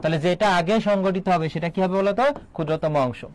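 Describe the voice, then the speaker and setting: High-voiced man teaching exam prep. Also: fairly even intonation, quick pace, a little mellow, no echo, poor audio. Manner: quizzing students with rhetorical questions, then answering himself; mixes English words into his speech. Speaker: admission coaching teacher. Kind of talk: online exam-prep lecture.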